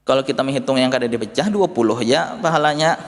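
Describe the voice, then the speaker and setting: A man's voice: mid-range voice, fast. A male religious teacher giving a study lesson, explaining points and putting questions to his listeners. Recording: long hall reverb.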